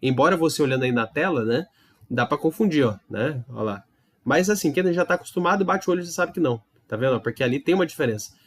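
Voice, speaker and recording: A man's voice: a little high, lively intonation, quick pace. Patient man teaching a lesson. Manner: explains patiently with many tag questions and demonstrations. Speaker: Hebrew teacher. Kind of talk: recorded online lesson.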